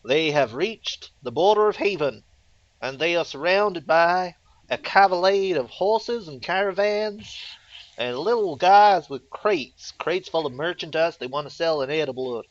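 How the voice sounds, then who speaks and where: A man's voice: a little high, expressive, unhurried. A man narrating a tabletop game as game master, rambling and self-deprecating with many fillers, on a slightly muffled recording.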